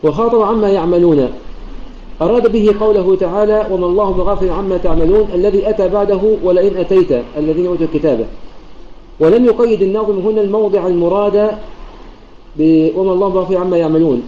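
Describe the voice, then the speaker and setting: Male recitation teacher, high-ish voice, brisk methodical lecturing with self-corrections, roomy dull online-chat sound. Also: dark tone, slight background noise. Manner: methodical, restarts and repeats to clarify; quotes verses and poetry lines while explaining. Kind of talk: explanatory religious lesson.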